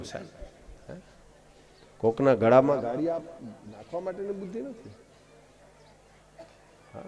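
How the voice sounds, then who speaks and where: Animated man telling folk tales. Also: mid-range voice. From Gujarat. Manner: animated storytelling, acts out voices of wife and husband, rises loud in punchlines. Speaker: katha storyteller. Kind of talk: devotional discourse with folk anecdotes. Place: live outdoor religious gathering.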